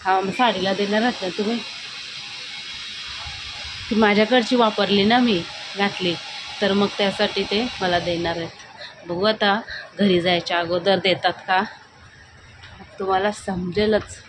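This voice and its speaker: A young woman chatting casually for her home vlog, teasing and calling out loudly to her husband. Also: medium pitch, steady tone, unhurried, pauses often. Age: young adult. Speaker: vlogger. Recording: home recording with clear background noise.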